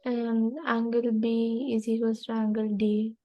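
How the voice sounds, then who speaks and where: Female student, higher-pitched monotone, slow and hesitant, short lesson answers. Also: no echo, highs cut off. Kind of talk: answering a tutor in short replies.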